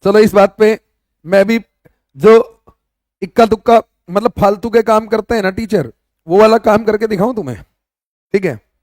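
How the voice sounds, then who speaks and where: A loud, emphatic young male teacher running an exam-prep class, his voice pitched very high. The sound is dry and close, with no room around it. He drills phrases and questions his students. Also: normal speed, pauses often, no echo. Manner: loud, emphatic, addresses students as beta and bhaiya.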